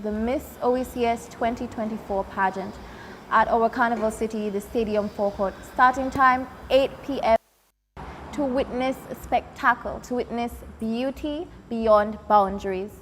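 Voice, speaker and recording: A woman pageant contestant giving a spoken invitation to viewers. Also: fairly high pitch. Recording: reverberant room, faint background noise.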